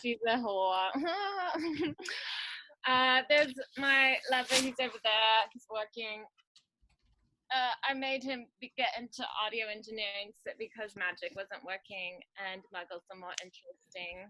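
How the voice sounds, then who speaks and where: A comedian playing a blunt, irreverent grown-up witch, talking in a crude deadpan way. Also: a little high, a little slow, a little hiss or hum, low-quality recording. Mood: wry. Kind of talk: cosplay stand-up character bit.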